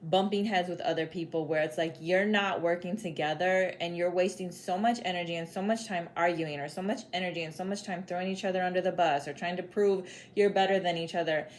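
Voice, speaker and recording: A woman with a somewhat low voice gives a casual tarot reading. She talks in a loose, chatty way, repeating her points and dropping in the odd swear word. A faint noise sits behind her. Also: steady tone, fairly quick, hardly any pauses. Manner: chatty, repetitive, peppered with "like" and "spirit is like". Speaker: tarot reader and psychic medium.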